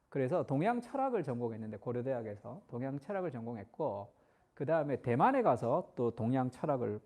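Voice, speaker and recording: Mellow-voiced male pastor preaching. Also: mid-range voice. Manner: storytelling, acting out quoted lines with shifting loudness. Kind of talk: sermon.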